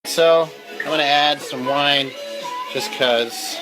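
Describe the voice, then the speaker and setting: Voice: mid-range voice, slow pace, poor audio. A home cook giving a casual, chatty and mildly profane cooking demonstration. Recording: music and sizzling pan behind. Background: music, frying food sizzle.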